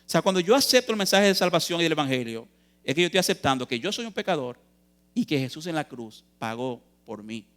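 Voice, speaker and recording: A man's voice: fairly high pitch, sing-song, fast talker, fairly bright tone. A man preaching a youth sermon in a church, earnest and emphatic, posing questions and answering them, calling his listeners brothers.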